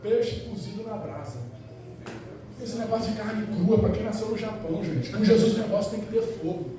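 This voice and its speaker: A man with a Rio de Janeiro accent preaching an animated Pentecostal sermon, telling stories with acted quotes and rhetorical questions, heard in a large church hall. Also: high voice, normal speed, distant mic, a little hiss or hum. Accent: Rio de Janeiro Portuguese. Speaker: evangelist preacher. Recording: very echoey church hall, music behind.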